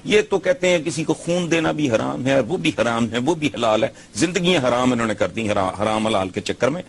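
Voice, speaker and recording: A man's voice: medium pitch, animated, brisk, vocal fry, husky. A man giving scornful opinion commentary, lecturing with rhetorical questions.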